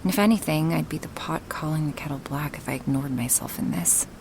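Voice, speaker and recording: In a soft, intimate ASMR roleplay aimed at the listener, a woman plays an affectionate, awkward dragon woman devoted to her human. Sitting low and breathy, she sounds hesitant but gently frank, moving slowly through sighs, pauses and frequent whispers. Background noise is audible.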